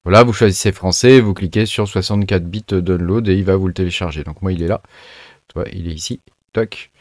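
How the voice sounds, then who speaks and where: A man's voice: low voice, fairly quick, a little mellow, no echo, studio quality. A man hosting a casual screen-recorded tech tutorial, loose and chatty, with lots of fillers and slangy asides.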